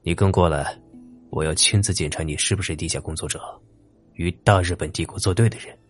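A man voicing a cruel, greedy male army officer who makes low, quiet threats. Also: a little fast, soft background music. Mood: menacing.

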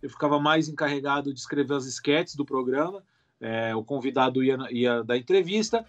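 A Brazilian man, comedian and TV writer, chatting casually as a guest with relaxed slang and casual swearing. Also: mid-range voice, a little fast, highs cut off. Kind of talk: casual interview chat.

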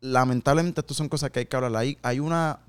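A man in his thirties gives a heartfelt testimony in an interview. His voice is smooth and clear, at an ordinary pitch, and he acts out the conversations he remembers with slangy asides. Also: quick pace. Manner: earnest storytelling with quoted dialogue, slangy asides.

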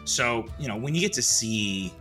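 Man as a bright-voiced, halting evil necromancer. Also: mid-range voice, lively intonation, soft background music. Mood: wistful menace. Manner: halting, casual delivery of villainous lines. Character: evil necromancer who hates summer, chatty and wistful. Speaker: podcast co-host. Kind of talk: improvised in-character comedy chat.

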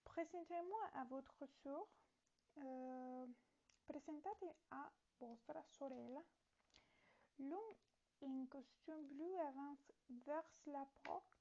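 A woman's voice: sits high, warm tone, highs cut off. A woman reading a French lesson aloud and translating it, hesitant and correcting herself. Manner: slow, hesitant reading with fillers and self-corrections. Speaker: language learner.

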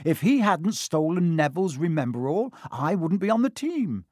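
A man's voice: fairly high pitch, sing-song, moderate pace, darkish tone, dry recording, studio quality, pitched above the performer's own voice. A man doing a gleeful young schoolboy. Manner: polite, barely holding back laughter. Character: modest eleven-year-old boy wizard, gleeful.

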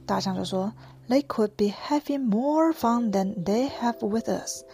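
A woman voicing an anxious, gentle male elephant from a picture book, drawing out her words slowly. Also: a little high. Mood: worried. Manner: slow, drawn-out storybook delivery.

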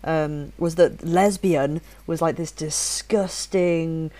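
Hosting a relaxed conversation, a Leeds woman in her forties speaks slowly and steadily in a low, warm voice. Though lively in manner and prone to restarting sentences, she carries only a mild, mostly neutral northern English accent.

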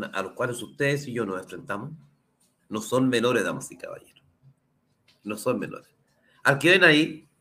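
A Chilean man, a lawyer hosting his own program, delivering impassioned political commentary with a hoarse, sore throat, asking the audience rhetorical questions. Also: medium pitch, pushed and bright. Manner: indignant, rhetorical questions, addresses the audience directly.

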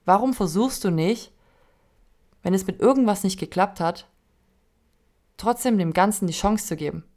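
A woman's voice: mid-range voice, moderate pace, a little mellow. A woman hosting a podcast, speaking earnestly in a coaching tone and putting rhetorical questions straight to the listener. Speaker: podcast host. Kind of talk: motivational podcast monologue.

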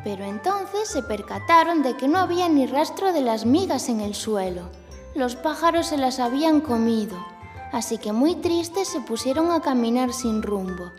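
A woman's voice: sits high, lively intonation, normal speed, darkish tone, in a large hall. A woman speaking like a kids show host, narrating a scripted children's story to young listeners. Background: music.

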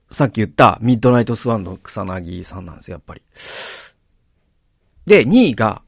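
A man hosting a podcast, talking casually about acting in films, animated and rambling, often breaking off and restarting his sentences. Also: mid-range voice, no echo, studio quality. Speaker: podcast host.

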